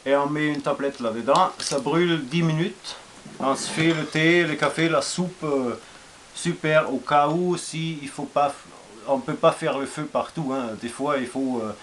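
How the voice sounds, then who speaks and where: A man's voice: fairly high pitch, measured pace, fairly bright tone, a little hiss or hum. A man from Austria with an Austrian German accent, speaking French casually and hesitantly in a survival gear vlog, with many fillers and restarts. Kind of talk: casual show-and-tell vlog.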